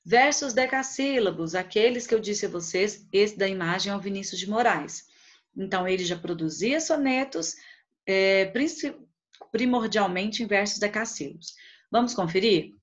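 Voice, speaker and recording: A woman teacher giving a poetry lesson, counting out the syllables of each verse slowly and one by one. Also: medium pitch, expressive. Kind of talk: online class on poetry. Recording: dull lo-fi recording.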